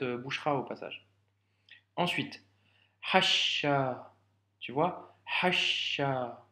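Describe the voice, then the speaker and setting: A man's voice: on the high side, roomy sound. A man giving a patient, step-by-step reading lesson, talking straight to the learner and checking often that they follow. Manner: patient, addresses the learner directly with frequent checks. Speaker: Arabic reading teacher.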